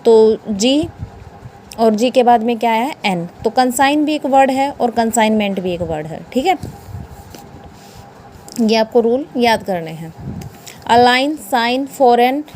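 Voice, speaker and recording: A woman with an Indian accent gives a pronunciation lesson in a fairly high, mellow voice. She spells words out letter by letter and asks her class questions, then answers them herself. A faint hiss sits under the recording. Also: lively intonation, a little slow, long pauses. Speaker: English teacher.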